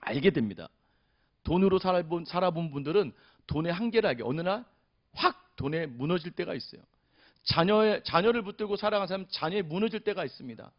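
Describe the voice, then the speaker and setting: A male pastor delivers a sermon in a fairly high, very expressive voice, with his pitch swinging widely. He tells stories with animation and keeps turning to the congregation directly. The recording sounds dull and muffled. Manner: animated storytelling, often addressing the congregation directly. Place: chapel service.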